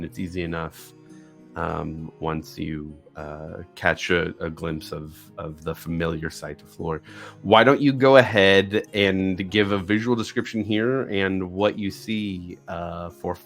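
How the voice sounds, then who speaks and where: A man with a fairly low voice narrates a tabletop game. He feels his way haltingly through each description as game master, over background music. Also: vocal fry. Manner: halting, searching for words.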